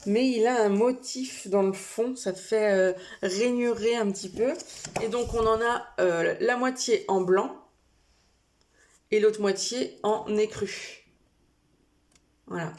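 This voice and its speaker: A vlogger with a medium-pitched, somewhat mellow voice shows off her shopping haul. Her casual talk to camera is hesitant, full of fillers and little self-corrections.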